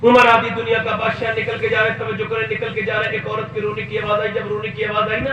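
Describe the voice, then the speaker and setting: A man preaching a sermon, shifting between quiet storytelling and loud impassioned shouting, and sometimes scolding his listeners. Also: high-pitched, monotone, lo-fi sound, background noise. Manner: swings from soft storytelling to shouted climaxes; scolds the audience directly. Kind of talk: impassioned religious speech. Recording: echoey hall, voice from far off, faint ambience.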